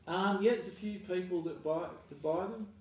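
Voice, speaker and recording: Australian male farmer, relaxed self-deprecating interviewee, distant mic in a very echoey space. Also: high voice, normal speed. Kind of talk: casual interview. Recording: echoey room, mic far off, faint noise.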